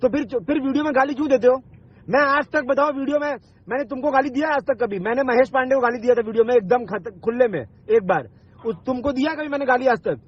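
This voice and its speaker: This online video maker has an extremely high, breathy voice and speaks at a quick pace. Caught on a dull lo-fi recorded phone call, he argues heatedly, insisting, confronting, cursing and saying the same things again.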